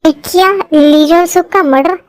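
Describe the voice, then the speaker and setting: A woman's voice: very high-pitched, a little slow, dry recording. A woman voicing a timid teenage schoolgirl in a Hindi fan-dub drama, pleading and easily brought to tears. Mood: earnest.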